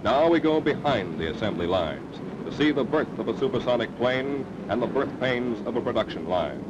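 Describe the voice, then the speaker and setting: A man's voice: medium pitch, animated, normal speed. A man giving scripted narration for an old 1950s newsreel, in a dramatic announcer delivery. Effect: old newsreel recording. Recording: dull lo-fi sound with faint hiss.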